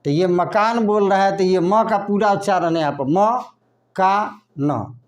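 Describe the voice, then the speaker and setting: A man teaching a lesson in a slow classroom style, asking questions and then answering them himself. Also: high voice, lo-fi sound. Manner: asks questions and answers them himself, repeating words slowly.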